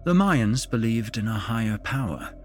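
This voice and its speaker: A man voicing a sinister middle-aged father turned fanatic, who speaks calmly and smugly while preaching with menace. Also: mid-range voice, moderate pace, soft background music, pitched above the performer's own voice, natural voice. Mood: zealous. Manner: calm, smug, menacing preaching.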